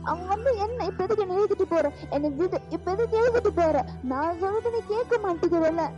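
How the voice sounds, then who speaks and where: Woman voicing a young man, tearful, pleading, very high voice, lo-fi, music behind. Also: lively intonation, quick pace. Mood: distressed. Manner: tearful, begging, repeats his name.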